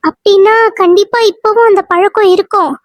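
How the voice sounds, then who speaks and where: A woman's voice: very high voice, steady tone, a little fast, dry recording. A woman voicing an anxious, bossy sister-in-law in a cartoon serial, urging the others on. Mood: urgent. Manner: urgent, scolding, explaining. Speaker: cartoon character.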